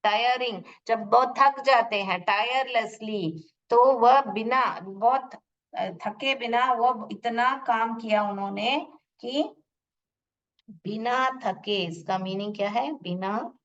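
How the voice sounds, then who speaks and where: Woman, English teacher in a classroom, slightly high voice, unhurried lesson delivery, dull audio from across the room. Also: a bit bright, far from the mic. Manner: explains word by word, asks and answers her own questions; spells out and sounds out pronunciation slowly.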